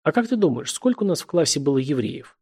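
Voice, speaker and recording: A sly, insinuating young man who teases and prods his friend with mocking questions, as a male narrator puts him on. The voice sits raised above the reader's own and keeps a gravelly, husky grain. An audiobook figure full of needling insinuation. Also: on the high side, sing-song, fast, darkish tone, exaggerated voice. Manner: mocking, insinuating, laughs a lot.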